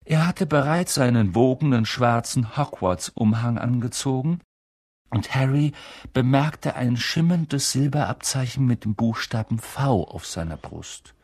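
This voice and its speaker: Ein Mann, der ein Hörbuch langsam und sehr ausdrucksvoll vorliest. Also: male voice, mid-range voice, dry recording, studio quality. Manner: slow, very expressive reading. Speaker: audiobook reader. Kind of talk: scripted narration.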